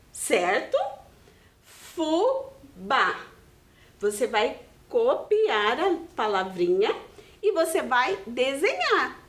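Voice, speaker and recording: Recorded with roomy sound, a Brazilian woman speaks in a high, somewhat bright voice as she teaches small children by video. This primary school teacher, with a Brazilian Portuguese accent, explains patiently and sing-song.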